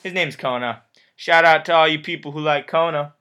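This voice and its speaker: A man with a high, bright voice hosts a jokey homemade news report. He sounds loose and playful and keeps the patter going. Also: a little fast, clean tone. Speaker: mock news host. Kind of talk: playful mock news sketch.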